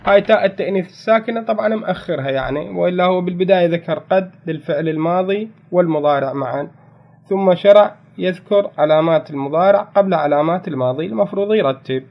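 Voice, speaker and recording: A man's voice: high-pitched, quick pace, creaky. A man with an Iraqi Arabic accent teaching a grammar class, who reads a set text aloud and then explains it in conversational dialect. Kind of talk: recorded classroom lesson. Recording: dull lo-fi recording.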